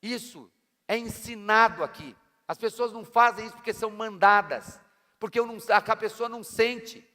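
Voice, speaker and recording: A man's voice: sits high, normal speed, pushed and bright. A pastor, preaching a sermon in an emphatic, colloquial way with slangy asides to his congregation. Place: church hall. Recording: long church-hall reverb.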